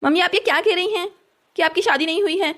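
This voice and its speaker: A woman's voice: very high voice, fast talker, a bit bright. A woman voicing an upset teenage son in a cartoon story, urgent and pleading.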